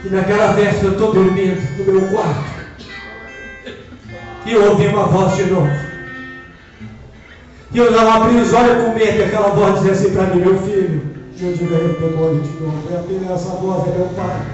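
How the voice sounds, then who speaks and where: Brief: male preacher, very high voice, passionate testimony, captured from afar in a booming church with music and congregation. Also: flat delivery, brisk, long pauses, highs cut off. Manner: impassioned, swinging from hushed storytelling to shouted appeals. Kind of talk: Pentecostal sermon testimony. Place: church service hall. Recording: echoey church hall, distant mic, music and congregation.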